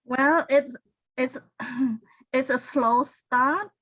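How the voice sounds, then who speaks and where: Slow Cambodian-accented older woman. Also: high voice, steady tone, a bit bright, dry recording, low-quality recording. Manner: unhurried, with restarts and non-native grammar. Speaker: guest, speaker and author. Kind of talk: interview answers.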